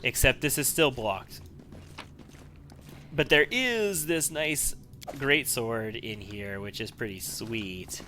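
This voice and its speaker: Bright-voiced man commenting on gameplay. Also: mid-range voice, lively intonation, slow pace, soft background music. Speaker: video game let's player. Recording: faint background noise.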